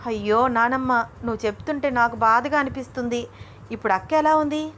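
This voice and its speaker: Excitable young bride in a story, high and bright, read by a woman. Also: fairly quick, a little hiss or hum, natural voice. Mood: excited. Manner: bubbly, excitable. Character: lively young wife, excitable and shy.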